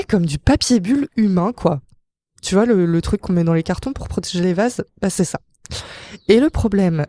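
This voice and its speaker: Warm, chatty woman podcast host. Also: fairly low pitch, no echo. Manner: chatty and explanatory, with playful asides. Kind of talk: casual psychology podcast monologue.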